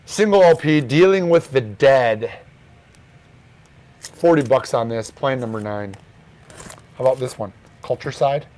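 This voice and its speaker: A man hosting a record store's morning show, casually talking through records and their prices in an offhand, relaxed way. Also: mid-range voice, a little slow, long pauses, a little hiss or hum.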